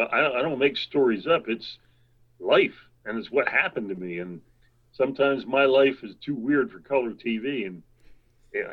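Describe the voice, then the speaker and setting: An older man telling long anecdotes as an interview guest, rambling, with quick asides and chuckles. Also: mid-range voice, slightly rough, muffled recording. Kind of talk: anecdotal storytelling.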